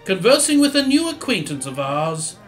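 A man playing a genial gentleman doctor in an audio drama, courteous and jovial, telling his tale theatrically. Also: sits high, very animated, normal speed, soft background music. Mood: storytelling.

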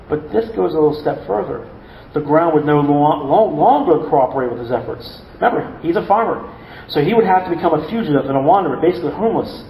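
A man's voice: a little high, echoey room, dull audio, slight background noise. A male pastor preaching a sermon earnestly, often repeating words and asking rhetorical questions. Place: church.

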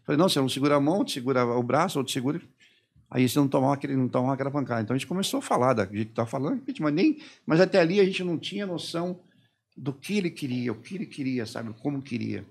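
Middle-aged brazilian guy on a podcast, husky and gravelly, talks fast, keeps quoting what was said to him. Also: mid-range voice, lively intonation. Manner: halting retelling, quoting his interrogators and himself. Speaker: podcast guest. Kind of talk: personal testimony in a podcast interview.

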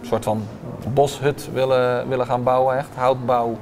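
A man's voice: medium pitch, flat delivery, measured pace. Guy in his 30s running a restaurant, lots of uh and um, lapel mic, some restaurant noise behind. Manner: hesitant, many filler sounds. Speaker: restaurant owner. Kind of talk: interview answers. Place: restaurant dining room with large windows.

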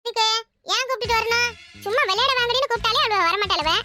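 Woman doing a squeaky cheeky village boy. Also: loud music behind the voice. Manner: cheeky, quick retorts. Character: cheeky young village boy, sharp-tongued. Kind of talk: cartoon family drama dubbing.

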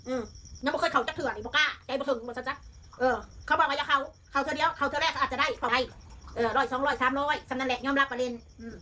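A woman's voice: high voice, fairly even intonation, racing, bright, forceful tone. A woman with an Isan Thai accent chatting casually and bluntly in coarse, informal speech. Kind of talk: casual chat.

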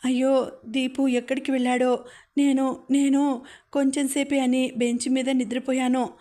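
A woman's voice: high voice, level tone, normal speed, mellow, voice pushed up, natural voice. A woman voicing a frightened young girl, calling out in tearful panic in an audiobook. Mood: panicked. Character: frightened crying young girl lost in a park.

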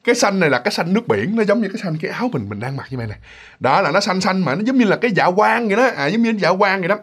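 A man with a Southern Vietnamese accent telling a ghost story in a casual, animated way, often addressing listeners directly. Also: high-pitched, very fast, husky.

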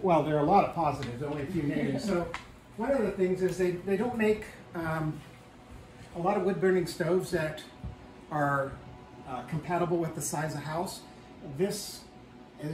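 A fairly high, slightly mellow voice belongs to a homeowner in his fifties walking a camera, held a few feet off, through his small wood-paneled tiny house. His casual explanations are matter-of-fact and full of ums, and the audio is roomy, a bit distant, with faint hiss.

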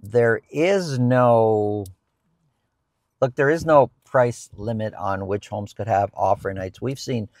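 A man's voice: on the low side, slow pace, a little mellow, dry recording, studio quality. A middle-aged man, a real estate agent, answering viewer questions in casual chat from a parked car, explaining with frequent restarts and repeated words. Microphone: lapel mic.

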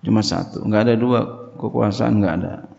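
A man's voice: fairly low pitch, steady tone, normal speed, vocal fry, darkish tone. A man teaching a religious text, reading Arabic passages and explaining them in plain Indonesian, with casual asides and repeated key phrases. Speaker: Islamic boarding school teacher. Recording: long reverb, dull lo-fi sound.

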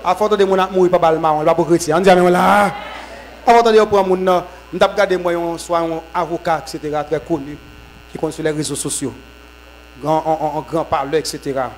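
High-voiced preacher, fervent sermon. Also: male voice, steady tone, fairly quick, a faint crowd, slight background noise, poor audio. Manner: shouts in fervent bursts with repeated amens, drops low when teaching. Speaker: apostle preaching at a conference.

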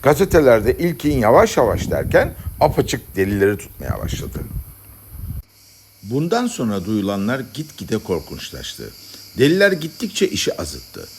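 A man narrating a satirical story as an audiobook reader, with an expressive, dramatic delivery. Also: mid-range voice, moderate pace, a little hiss or hum.

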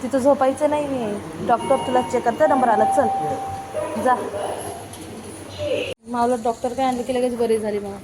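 High-voiced chatty woman vlogger. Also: steady tone, moderate pace, pauses often, background noise. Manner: chatty, talks to viewers and coaxes children. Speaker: family vlogger. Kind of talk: casual family vlog narration.

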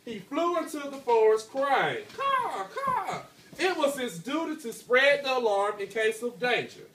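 Extremely high-pitched and very animated, a man in his thirties reads to his class at a measured pace with a slightly bright tone. He keeps pausing to quiz pupils and check they understand, often saying "okay" after phrases. The indoor classroom recording comes from a phone across the room and is echoey, noisy and distant.

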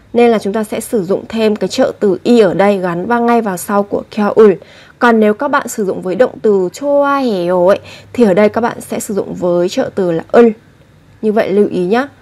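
A woman teaching a language lesson, explaining grammar and pronunciation and slowly repeating example words. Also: medium pitch.

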